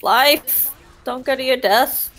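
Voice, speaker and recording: Woman gaming w friends, kinda high voice, slow-ish talker, jokey casual chat. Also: a bit bright. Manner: playful, joking. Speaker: gamer in a group stream.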